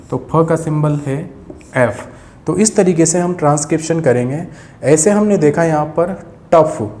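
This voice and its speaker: A man's voice: fairly high pitch, darkish tone. A man teaching English phonetics, patiently repeating key sounds and addressing viewers as friends. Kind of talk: explaining a lesson at a board.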